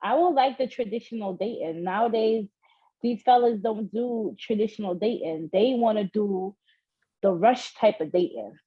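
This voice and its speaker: A woman's voice: mid-range voice, normal speed, slightly rough, dull audio. A woman from Guyana, a guest on a casual chat, talking in a nervous, hesitant way with many fillers and giggles.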